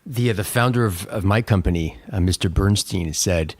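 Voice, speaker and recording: A man's voice: sits low, normal speed, dry recording. A man hosting an interview, asking friendly, admiring questions. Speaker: interviewer host. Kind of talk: casual interview.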